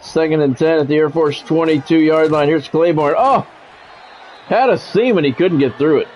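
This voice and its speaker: His voice sits on the high side, moving at a moderate pace, and the recording has its highs cut off. The man commentates a football video game live, combining play-by-play with blunt, salty chatter in a conversational style.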